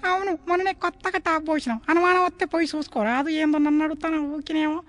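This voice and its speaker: Man doing a shrill falsetto schoolgirl, sassy, quick, Telangana Telugu. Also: flat delivery, a bit bright, no room sound. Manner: high falsetto girl voice, saucy. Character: sassy village schoolgirl, answers back.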